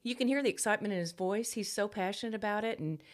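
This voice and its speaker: A woman's voice: mid-range voice, fast. Chatty woman co-host. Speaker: podcast co-host. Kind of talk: casual chat.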